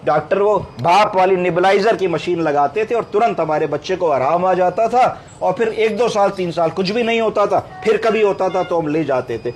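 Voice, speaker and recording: A man's voice: sits high, moderate pace, few pauses, soft background music. A male doctor teaching clinical medicine step by step, asking questions and then answering them himself, with English medical terms mixed into his speech. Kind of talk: explanatory medical lecture.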